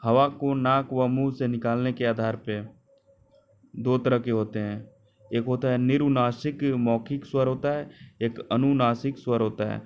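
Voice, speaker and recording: A man's voice: mid-range voice, steady tone, measured pace, a little mellow, muffled recording. A man teaching a grammar lecture, repeating key terms, asking rhetorical questions and correcting himself. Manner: self-correcting with "sorry".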